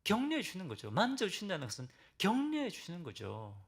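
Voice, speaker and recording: A man's voice: wildly swooping pitch, fairly quick. A middle-aged male senior pastor preaching a sermon in a church, questioning his congregation and acting out biblical pleas in dramatic bursts. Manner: dramatic, acts out Bible figures' pleas with sudden loud high bursts; asks the congregation direct questions. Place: church sanctuary.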